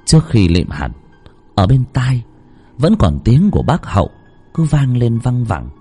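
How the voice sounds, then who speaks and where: A man narrating a ghost story in an expressive, suspenseful way. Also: mid-range voice, measured pace, husky. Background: soft background music.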